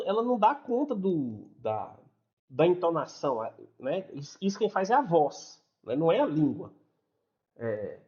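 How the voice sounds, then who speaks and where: Young Brazilian male teacher, higher-pitched voice, casual explanatory delivery, dull lo-fi sound. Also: a little mellow. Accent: Brazilian Portuguese. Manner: conversational, explanatory, frequent "né?" tag questions. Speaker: English teacher. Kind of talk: casual online lesson.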